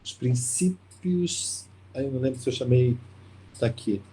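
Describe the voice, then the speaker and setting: Husky-voiced man teaching a lively class. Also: mid-range voice, fast talker. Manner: lively, talkative, exclaims and asks rhetorical questions. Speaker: literature teacher leading a course. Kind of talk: casual online class lecture.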